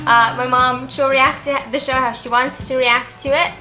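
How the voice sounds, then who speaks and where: A woman's voice: high-pitched, little pitch movement, moderate pace, low-quality recording. A young woman from Alaska hosting a casual reaction chat, giggly and chatty as she guides along. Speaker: reaction video host. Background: TV show music and sound.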